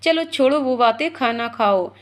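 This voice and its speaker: A fond middle-aged mother who chides her son gently and dotes on his friend, as a woman puts her on in a story reading. The voice stays a little high. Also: lively intonation, measured pace. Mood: gently scolding. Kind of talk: storytelling dialogue.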